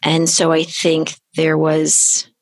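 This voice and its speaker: A woman's voice: sits low, completely flat delivery, slow pace, dry recording. A woman hosting a podcast and talking casually, in a candid, reflective way that often trails off. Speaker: podcast host. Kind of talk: casual conversation.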